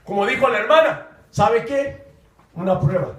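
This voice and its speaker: A middle-aged preacher with a strikingly high voice, swinging between fervent shouting and quieter passages and tagging nearly every phrase with "hermano." He is heard in a roomy church hall with plenty of echo, from a mic set well away from him. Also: expressive, normal speed, far from the mic, noisy background. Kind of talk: Pentecostal sermon.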